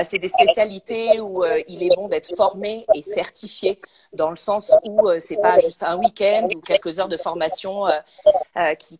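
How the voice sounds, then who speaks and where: A woman speaking as a psychogenealogist guest in a casual live-stream interview, hesitant and full of filler sounds, speaking into a phone. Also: on the low side. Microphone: phone, later a headset.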